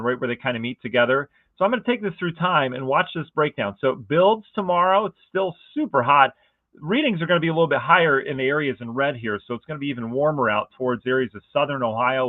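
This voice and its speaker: Male forecaster, chatty and excitable, mid pitch, dry phone-like audio. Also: fast talker, no room sound. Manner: enthusiastic, conversational, asks viewers rhetorical questions. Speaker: weather forecaster. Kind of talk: casual weather forecast walkthrough. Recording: dry, phone-like narrow band.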